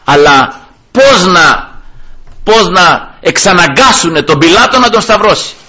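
Preaching emphatically in a high, sharp, expressive voice, this man keeps addressing his listeners as brothers. When he quotes scripture, his voice climbs sharply.

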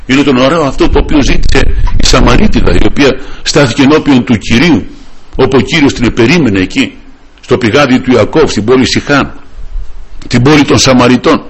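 A man's voice: medium pitch, animated, a little hiss or hum, rough recording. A man preaching a sermon. He speaks fervently, calls his listeners brothers and breaks in often with short cries of praise. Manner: fervent, punctuates with repeated praise exclamations.

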